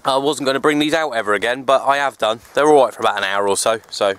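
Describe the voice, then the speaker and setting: A radio hobbyist vlogger talks quickly in a smooth, fairly bright voice of medium pitch, keeping his outdoor chat relaxed and rambling. The camera is handheld at arm's length in open parkland, where the wind makes the audio noisy.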